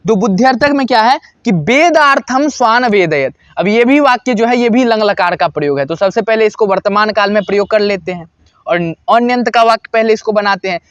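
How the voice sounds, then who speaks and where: A man teaching a Sanskrit grammar lesson, who asks questions and answers them himself and repeats each example slowly. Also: sits high, no room sound, lo-fi sound.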